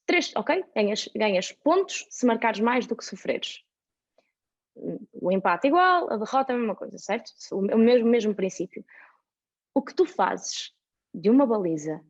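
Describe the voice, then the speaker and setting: A woman's voice: fairly high pitch, lively intonation, measured pace, pauses often, lo-fi sound. A woman with a European Portuguese accent, a guest in a casual chat, talking animatedly with lots of examples. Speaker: podcast guest.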